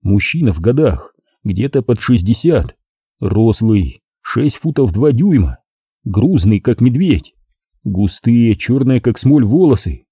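A man narrating a first-person novel as an audiobook in a measured storytelling manner. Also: lowish voice, warm tone, slightly rough, no echo, studio quality.

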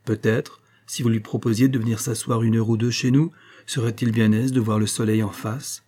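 A man voicing a calm, gentle young woman who speaks briefly and kindly in an audiobook reading. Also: on the low side, moderate pace, natural voice.

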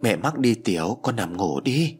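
A man's voice: fairly low pitch, very animated, normal speed, darkish tone, husky. A man voicing an older village mother-in-law in a spoken ghost story, motherly and commanding.

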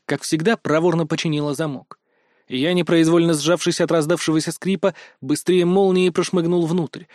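A man reading a first-person audiobook in a tense, expressive way. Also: on the high side, no room sound, studio quality. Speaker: audiobook narrator.

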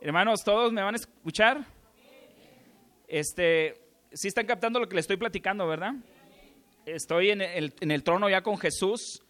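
A man with a Mexican accent preaching a sermon, telling his testimony with passion that swings from hushed to shouting. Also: high voice, moderate pace, long pauses.

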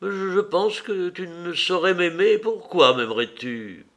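A man's voice: high voice, fairly bright tone, voice pushed up. A man playing a tormented young fiancé. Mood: desperate. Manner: desperate, halting, with hesitations. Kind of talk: audiobook character voice.

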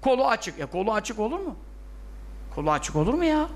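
A man's voice: high-pitched, sing-song, a little fast, vocal fry, a little hiss or hum. A man giving a religious lesson, scolding his listeners and firing off rhetorical questions that he answers himself. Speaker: religious teacher.

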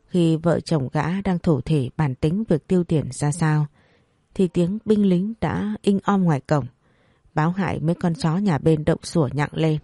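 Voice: mid-range voice, a little slow, dark tone, dry recording, clean studio sound. Earthy storyteller. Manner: earthy, colloquial. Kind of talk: folk tale narration.

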